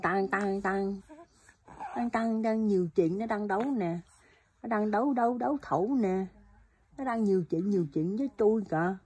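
A woman's voice: mid-range voice, normal speed, mellow, slightly rough. A woman in a home vlog talking to her baby son in teasing, playful baby talk, repeating her words. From Vietnam.

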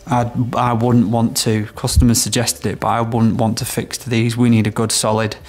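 With faint music behind him, a man in his thirties who works as an electrician explains a job step by step while demonstrating it in a small room of a house. His mid-range voice is a little mellow, level in tone and at normal speed.

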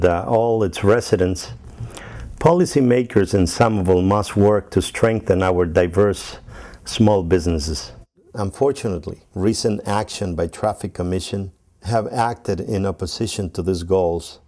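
A man from El Salvador in his 40s, a political candidate, gives a campaign video address outdoors on city streets and inside a restaurant. His voice is lowish and dark, and he speaks in an earnest, measured way with frequent "uh" pauses. He's recorded on a lapel mic.

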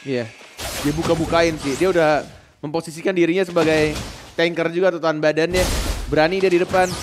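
A man commentating live on an esports match like a fighting game announcer, excitable and rising to shouts in the fights. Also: fairly high pitch, fairly quick, noisy background. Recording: music under the commentary. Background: music.

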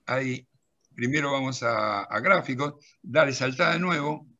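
A middle-aged man with a Rioplatense Spanish accent, who presents a pension-law software and magazine, animatedly demos the software on a video call. He tells an anecdote and directs a helper at the screen, his mid-range voice at a measured pace with lo-fi sound.

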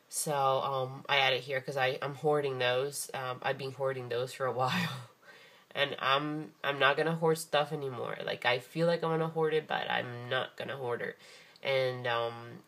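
A woman with a hoarse morning voice, chatting casually as she shows off a craft project, rambling with lots of ums and restarts. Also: extremely low pitch, fairly bright tone. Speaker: craft vlogger. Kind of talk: casual craft show-and-tell.

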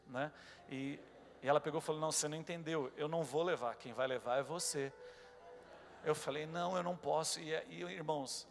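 A man's voice: fairly high pitch, creaky. A male pastor telling a personal story during a sermon, emotional and addressing the congregation directly. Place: church hall. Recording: long church hall reverb, faint music.

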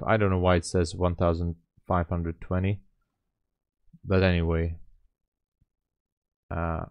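A man in his late thirties hosting a casual live stream, thinking aloud and answering chat as he goes. His voice sits low, and he talks at an unhurried pace. The sound is dry and close, from a small room. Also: no room sound. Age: 30s. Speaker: day trading livestreamer.

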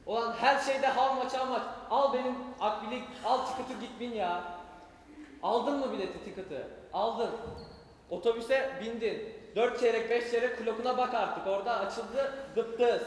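A young man playing a loud, impatient street vendor who gives directions in blunt Turkish mixed with broken English. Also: very high voice, normal speed. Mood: bossy. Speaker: student actor in a school stage sketch. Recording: echoey hall, faint noise.

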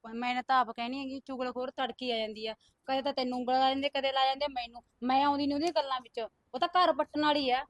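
A woman's voice: high voice, steady tone, fast talker, few pauses, dry recording, natural voice. An actress playing a domineering, scolding woman who accuses a widow and orders her out. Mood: accusing. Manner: accusing, commanding. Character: harsh scolding sister-in-law, domineering. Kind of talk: village short-film drama.

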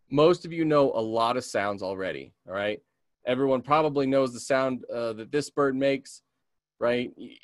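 A man's voice: mid-range voice, dry recording, clean studio sound. A man from the American West teaching a beginner's bird identification webinar, often checking in with "okay?" and imitating bird calls. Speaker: community naturalist teaching a class. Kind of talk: webinar lesson.

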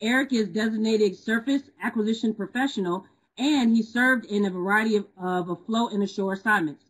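Husky-voiced woman introducing speakers. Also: medium pitch, a little fast, poor audio. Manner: reads bios with frequent hesitations. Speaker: moderator.

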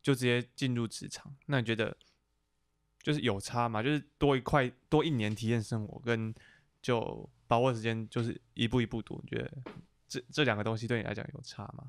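A man's voice: mid-range voice, fairly even intonation, a little fast, dry recording. A young man from Taiwan hosting a podcast, asking blunt, teasing questions in a casual interview chat. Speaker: podcast host.

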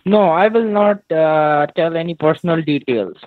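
A man's voice: fairly high pitch, moderate pace. A man with an Indian accent arguing on a phone call, cursing and taunting, repeating himself over and over. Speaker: phone scammer. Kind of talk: heated phone argument. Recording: tinny phone line.

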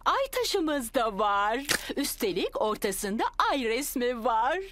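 A chirpy cartoon rabbit shopkeeper, rather high and animated. She sells in an unhurried way against clear background noise. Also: heavily acted. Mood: chirpy selling. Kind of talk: children's cartoon acting.

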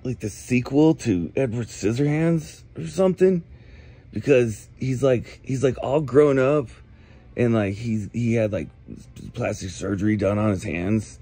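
A man with a warm, husky, medium-pitched voice rambles in a laid-back slacker style, as if leaving a comic voicemail. He draws out his words, says "like" a lot, and chuckles along the way.

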